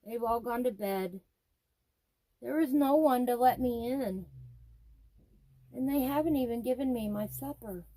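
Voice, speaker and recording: A woman's voice: on the high side, measured pace, pauses often, dark tone, low-quality recording. A woman voicing a forgetful female pet cat thinking aloud plaintively, in a storybook read to a toddler.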